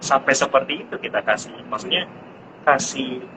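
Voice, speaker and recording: A man in his thirties, a parent sharing parenting tips in a casual live-stream chat, who jumps into a high pitch to mimic his child. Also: normal speed. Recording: muffled live-stream audio with background noise.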